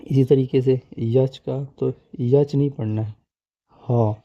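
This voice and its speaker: A man's voice: medium pitch, steady tone, a little slow, dark tone, dry recording, lo-fi sound. A man teaching English letter sounds in Hindi, patient and repeating each sound several times. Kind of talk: slow, explanatory Hindi lesson.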